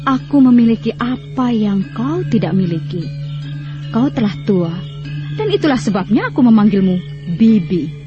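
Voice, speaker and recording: An actress playing a haughty, vain and spiteful young royal concubine with proud, biting delivery in a radio melodrama. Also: female voice, fairly high pitch, sing-song, normal speed. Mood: taunting, haughty. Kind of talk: melodramatic radio drama acting. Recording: muffled radio drama, music behind.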